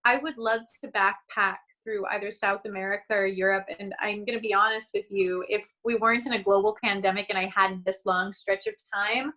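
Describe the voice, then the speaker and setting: A woman being interviewed as a guest, telling lively stories and laughing often over a video call. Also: medium pitch, fairly quick, hardly any pauses, low-quality recording. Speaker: guest, singer and actress. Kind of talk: casual conversational interview.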